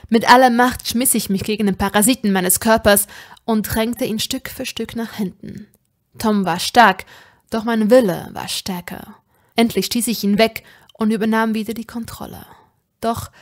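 A woman narrating a fanfiction audiobook in the first person, with dramatic delivery that often drops to a breathy whisper. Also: mid-range voice.

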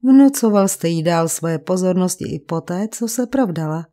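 A woman's voice: lowish voice, expressive, warm tone, lightly acted. A woman reading the lines of a stern male magistrate who questions a suspect coolly, in an audiobook. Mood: cool, probing. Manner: cold, questioning.

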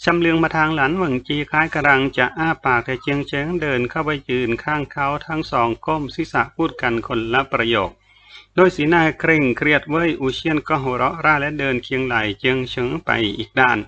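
A man reads a novel aloud in a steady, even storytelling manner. His voice is fairly high and distinctly bright. The recording is slightly dull, with a faint hiss underneath. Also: a little fast. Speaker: audiobook narrator.

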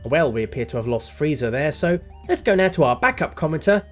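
A sardonic man in his thirties presents scripted gaming commentary. His delivery is wry and animated, with wide swings in pitch. Faint music sits behind him. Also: a little fast. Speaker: host of a gaming commentary show.

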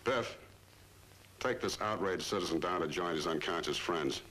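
A man's voice: low-pitched, normal speed, bright, forceful tone, a little hiss or hum, rough recording. An actor playing a suave, tough male club owner in a classic TV crime drama, cool and commanding. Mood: stern. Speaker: lead detective character. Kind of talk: 1950s TV crime drama acting.

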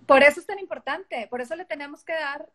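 A woman's voice: high voice, fast talker, a bit bright. A middle-aged woman with a Mexican accent, a guest in a casual interview, talking animatedly and acting out quoted dialogue. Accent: Mexican Spanish.

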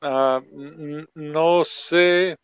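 A man's voice: a little high, steady tone, very slow, smooth, muffled recording. A male painter joining a show as a guest over a glitchy video call, hesitant and stumbling while he fixes his connection. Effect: voice coming through a glitchy video call. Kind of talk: casual greeting on a live call. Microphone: computer or phone on a video call.

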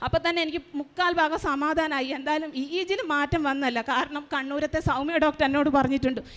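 A woman with a high voice gives an earnest personal testimony at a shrine service. She tells her story haltingly, breaking off and restarting her sentences. Her voice rings with the long echo of a large church hall. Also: steady tone, fairly bright tone. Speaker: mother giving a testimony.

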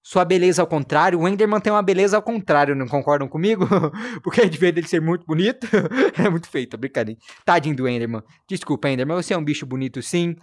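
A man's voice: fairly high pitch, quick pace. A man streaming live gameplay, chatting playfully, scolding the creatures in the game and whining in mock sadness. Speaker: gaming livestreamer.

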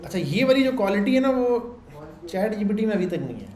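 Loud, chatty male lecturer. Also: high voice, sing-song, fairly quick, crowd noise. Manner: loud, conversational teaching with frequent check-ins to the class. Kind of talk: classroom lecture. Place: classroom. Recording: echoey room with faint background noise.

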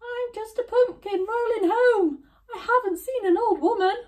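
A woman voicing a crafty, cheerful little old grandmother in a children's story, in a high quavering voice. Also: moderate pace, darkish tone. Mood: innocent.

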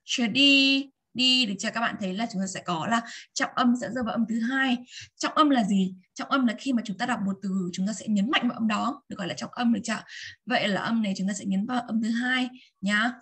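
A woman teaching vocabulary in an online class. She repeats each word slowly and keeps checking that her students are following. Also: on the high side, a bit bright, slightly rough. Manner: models words slowly and repeats them. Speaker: English teacher. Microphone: video call.

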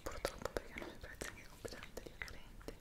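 A woman in her twenties, an ASMR creator, whispers a relaxed chat about her personal routine, very softly and right up close to the microphone. She takes her time and pauses to hunt for words. The setting is a small indoor room, picked up by two close side microphones in front of her.

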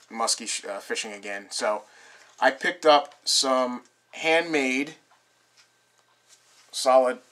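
Young man showing fishing tackle. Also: mid-range voice. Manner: relaxed, rambling with many fillers, laughs softly. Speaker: fishing vlogger. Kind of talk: casual show-and-tell. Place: living room, seated on a couch indoors. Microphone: camera mic at close range.

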